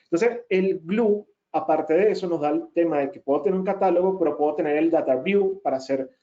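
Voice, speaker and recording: A man's voice: on the high side, a little fast. A man giving a technical webinar presentation as a data consultant, explaining step by step and often checking in with his listeners. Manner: emphatic repeated denials. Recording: muffled lo-fi audio.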